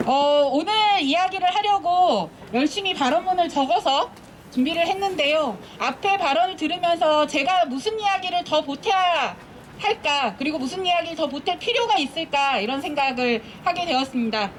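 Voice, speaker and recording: A woman from Seoul, an activist, giving an earnest, measured speech at an outdoor protest. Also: high voice, lively intonation, slight background noise. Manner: earnest, measured, repetitive phrasing. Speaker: activist speaker at a rally. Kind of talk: rally speech.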